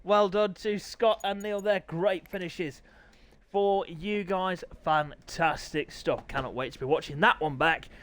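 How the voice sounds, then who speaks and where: A man commentating live online races with an excitable, chatty manner, his throat sore and hoarse. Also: sits high, measured pace. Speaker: sim racing commentator.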